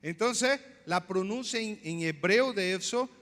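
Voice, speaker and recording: A male pastor preaching a sermon, explaining slowly, repeating words and asking the congregation questions. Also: sits high, animated, a bit bright, big-room sound. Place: church.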